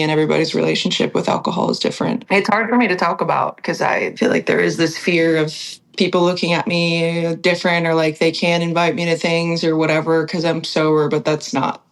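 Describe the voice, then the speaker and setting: A woman's voice: sits low, gravelly, low-quality recording. A woman singer-songwriter talking candidly in a casual podcast conversation, full of "like" fillers. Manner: chatty, lots of "like" fillers, candid.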